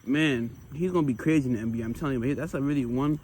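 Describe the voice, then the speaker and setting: An American man chatting casually about sports while walking, emphatic and animated, often repeating phrases for emphasis. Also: medium pitch, very fast. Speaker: sports vlogger. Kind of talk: casual rambling sports chat. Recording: clear street noise with passing vehicles.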